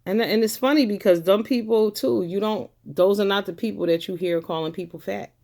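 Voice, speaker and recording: Speaking briskly in a medium-pitched, dark-toned voice, a woman vlogger rants angrily at the camera. She's confrontational and foul-mouthed, pressing her points by repeating them.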